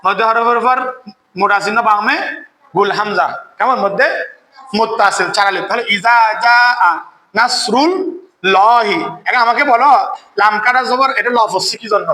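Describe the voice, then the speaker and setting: A man's voice: high voice, sharp tone, echoey room, rough recording. A man teaching a Quran recitation lesson who quizzes his students and keeps checking that they follow. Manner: quizzes students, often asks "কেমন?" to check understanding; chants verses slowly when demonstrating recitation. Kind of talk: classroom tajweed lesson.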